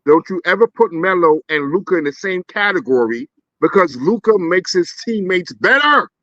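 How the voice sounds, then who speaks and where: A man co-hosting a sports podcast, talking in an animated, teasing way. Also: sits high, moderate pace, no echo. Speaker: podcast co-host. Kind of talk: casual sports debate. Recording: dry, slightly dull mic.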